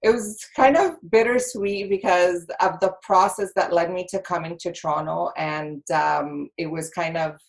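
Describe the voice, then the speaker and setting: A woman's voice: on the low side, moderate pace, gravelly, hardly any pauses. Bubbly Egyptian-born woman guest. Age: 30s. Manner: bubbly, laughs easily, many fillers. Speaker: podcast guest. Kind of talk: casual interview talk.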